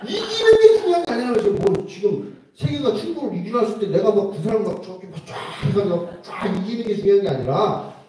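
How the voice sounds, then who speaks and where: A man preaches at a church retreat in a high, mellow voice that swings widely. He acts out conversations playfully. The sound comes from a distance in a very echoey hall. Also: quick pace. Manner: animated, playful, acts out conversations and laughs often. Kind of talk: lively sermon with acted-out dialogue. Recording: roomy echo, mic heard from a distance.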